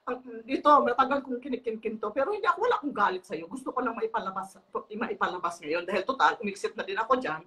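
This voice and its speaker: A woman's voice: fairly high pitch, lively intonation, fast talker, few pauses, sharp tone. A middle-aged woman, a guest on a live talk show, tells a story animatedly in casual chat, laughing often and stumbling over fillers.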